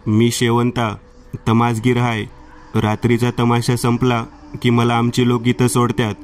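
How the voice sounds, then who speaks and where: A man's voice: mid-range voice, monotone, measured pace, a little hiss or hum, lightly acted. A man voicing a bold tamasha dancer who is secretly a vengeful female ghost, in a coaxing, earthy rural manner.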